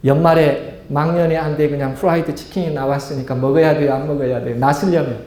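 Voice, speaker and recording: A man's voice: on the high side, fairly even intonation, brisk, darkish tone, reverberant. A male pastor preaching a sermon, asking the congregation questions and acting out small scenes to make his point. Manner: asks the congregation questions and acts out little scenes.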